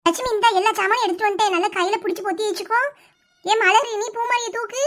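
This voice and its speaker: A woman's voice: very high voice, fast talker, fairly bright tone, soft background music. A woman doing a soothing neighbor auntie. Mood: reassuring. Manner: soothing, bossy. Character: kind older village neighbor woman, reassuring. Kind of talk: cartoon voice acting.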